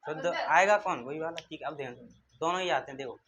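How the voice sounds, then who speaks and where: A high-pitched man teaching a class, asking questions and answering them himself, and drilling the same terms again and again. The recording is slightly muffled, with a faint hum behind it. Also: quick pace. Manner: drills terms in call-and-response rhythm. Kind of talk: classroom lecture.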